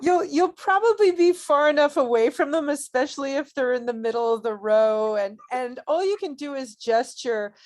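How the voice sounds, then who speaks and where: Woman, slightly high pitch, relaxed, practical, casual meeting talk. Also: normal speed, hardly any pauses. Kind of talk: casual Q&A on a video call.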